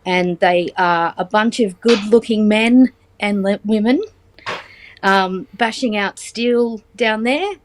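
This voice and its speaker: A woman's voice: mid-range voice, slow pace, a little hiss or hum. Chatty Australian woman in her forties. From Australia, Central West New South Wales. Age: 40s. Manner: chatty, many filler ums, light teasing. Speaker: guest. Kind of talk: casual interview chat.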